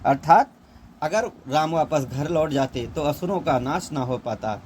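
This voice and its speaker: Slow, measured Hindi teacher, man. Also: on the high side, expressive, darkish tone, slight background noise. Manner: recites verse slowly in a raised sing-song, then explains line by line. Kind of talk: explaining a poem in a class lesson.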